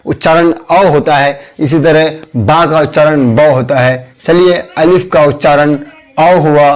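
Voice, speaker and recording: A man's voice: fairly high pitch, steady tone, unhurried. A man teaching the alphabet as a spoken lesson, patiently repeating each letter and its sound step by step. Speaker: Urdu teacher.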